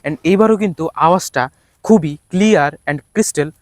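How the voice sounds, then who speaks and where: A man's voice: high voice, fairly quick, no echo, studio quality. A young man vlogging outdoors, chatting casually to his viewers with lots of fillers and restarts. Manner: talkative, fillers and restarts, shouts to a distant teammate. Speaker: YouTube vlogger. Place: outdoors in open ground.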